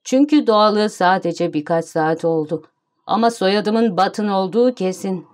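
A woman's voice: medium pitch, unhurried, darkish tone, lightly acted. A woman voicing a frail, very old man in an audiobook who speaks in a cracked, worn voice and keeps complaining. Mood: whining. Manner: whining, complaining. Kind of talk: audiobook character voice.

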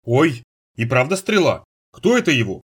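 A man reading an audiobook voices a young woman who scolds loudly, weeps and shouts in emotional outbursts. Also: big pitch swings, moderate pace, slightly rough. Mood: worried. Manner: high-pitched, loud, emotional outbursts. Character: young woman, fiery, tearful, quick to scold.

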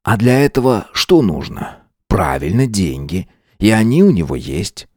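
Male audiobook narrator, low pitch, dry close sound, steady reading. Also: measured pace, no echo. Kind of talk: scripted narration.

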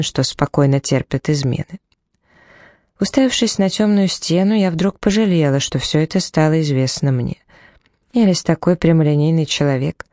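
A woman's voice: low-pitched, dark tone, no room sound, studio quality. A woman reading a novel aloud in the first person, dramatically, acting out the dialogue as she tells it. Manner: dramatic, voicing dialogue in the telling. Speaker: audiobook reader.

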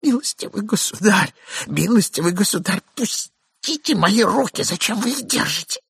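A man voicing a cowardly, panicky gentleman who whines and complains. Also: high voice, lively intonation, normal speed, vocal fry, slightly rough, no room sound, studio quality, pitched above the performer's own voice, heavily acted. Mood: panicky whining. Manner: whining complaints. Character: cowardly middle-aged gentleman, whining and panicky.

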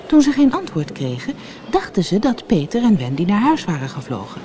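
An expressive storyteller from the Netherlands reads a children's fairy tale aloud. The voice sits at a middle pitch but rises and falls with lively range, and a faint hiss runs under the recording. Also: brisk. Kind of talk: audiobook fairy tale narration.

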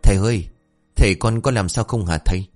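A man's voice: mid-range voice, expressive, quick pace, soft background music, lightly acted. A man voicing two foolish young male apprentices who plead and panic over their master. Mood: whiny, panicked.

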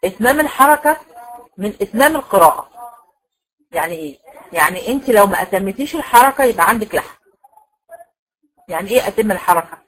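A woman with an Egyptian accent teaching Quran recitation rules in an online lecture, explaining step by step, asking her students questions and drawing out example words slowly. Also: mid-range voice, expressive, a bit bright, low-quality recording. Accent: Egyptian Arabic.

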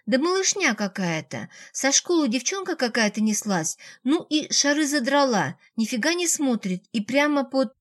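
A spoiled, careless young woman, voiced by a woman reading a storybook aloud. She whines and pushes her point in a high, insistent voice, brushing off any blame. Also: big pitch swings, normal speed, hardly any pauses. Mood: dismissive.

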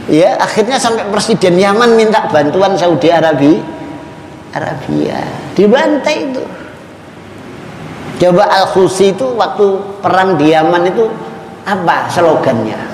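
A man's voice: high-pitched, lively intonation. Middle-aged man, emphatic lecturing preacher, recorded with faint noise in a large reverberant hall. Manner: slow, emphatic, questions the audience. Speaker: Islamic preacher. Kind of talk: religious lecture.

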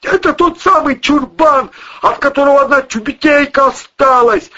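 A man reading aloud, voicing a panicky, foul-mouthed young gangster who yells and swears in slang. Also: extremely high pitch, normal speed, dull audio, voice pushed up.

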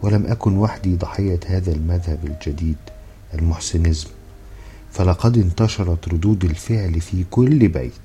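A man narrating a humorous book in a dry, measured storytelling manner. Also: low voice, mellow, faint music behind. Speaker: audiobook narrator.

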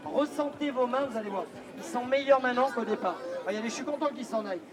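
Male fairground pitchman, high voice, loud insistent barker patter with teasing asides, outdoors amid a busy crowd. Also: fast talker. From France. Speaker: street-fair perfume pitchman. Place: outdoors at a busy street fair. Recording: outdoor street fair with crowd noise.

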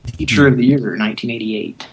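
A man's voice: medium pitch, fairly quick, rough recording. A man co-hosting a prank call show, tossing in dry absurd quips. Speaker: co-host.

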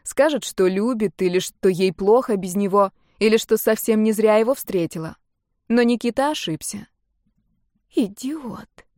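A woman narrating a romance novel as an audiobook in an even, measured voice. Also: mid-range voice, no room sound, clean studio sound. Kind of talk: scripted narration.

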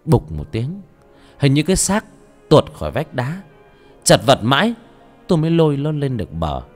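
A man tells a horror story in a dramatic, expressive way, then chats casually with his audience. His voice is medium in pitch and moves lively up and down. Soft music runs quietly behind him. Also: normal speed. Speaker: audiobook narrator and channel host. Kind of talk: horror audiobook narration, then casual chat.

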